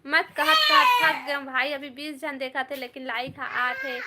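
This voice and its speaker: A woman's voice: high voice, big pitch swings, moderate pace. A woman from Bilaspur in Chhattisgarh with a Chhattisgarhi accent, chatting casually with viewers on a live stream and teasing them as she answers their comments one by one. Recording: loud background noise.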